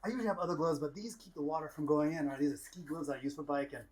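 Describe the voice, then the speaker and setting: In a husky, slightly high voice with a darkish tone, a vlogger races through jokey self-narration while dressing at home to show his cycling rain gear. His short, slangy bursts are full of catchphrases and exclamations, and the recording is low quality.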